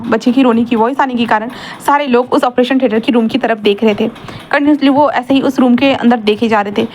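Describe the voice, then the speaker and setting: A woman's voice: fairly high pitch, slight background noise. A young woman casually retelling a fan-fiction love story, rambling with many fillers.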